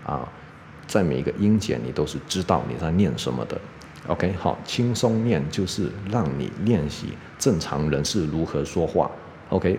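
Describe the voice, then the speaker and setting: A middle-aged man teaching English pronunciation on a podcast, chatty and relaxed, tagging "OK?" onto his sentences. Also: rumbling low, long reverb tail, a little hiss or hum. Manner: relaxed, chatty, peppers speech with "OK?".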